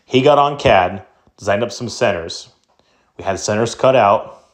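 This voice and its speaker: A man's voice: on the low side, normal speed. Enthusiastic man narrating a truck build. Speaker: truck builder and channel host. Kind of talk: scripted voice-over narration.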